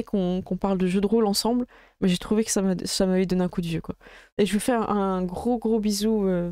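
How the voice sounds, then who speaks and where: A woman game master chatting casually as she wraps up a live stream, halting often with fillers. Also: medium pitch, dark tone, clean tone, no echo, clean studio sound.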